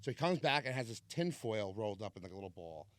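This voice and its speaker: A man's voice: lowish voice, big pitch swings, quick pace, no room sound. Laid-back New man telling a story. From New York. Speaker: podcast guest. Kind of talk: casual storytelling anecdote.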